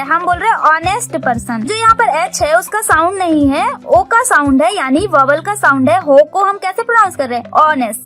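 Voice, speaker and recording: A woman explaining a step-by-step grammar lesson for parents and young kids, reading English examples slowly and deliberately. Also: very high-pitched, bright, forceful tone. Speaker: teacher for young kids' parents.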